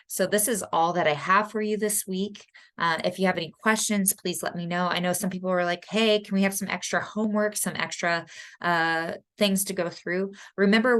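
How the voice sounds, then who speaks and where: A woman's voice: fairly low pitch, a bit bright. A woman lecturing online as a college statistics instructor, chatty, with frequent ums and self-corrections.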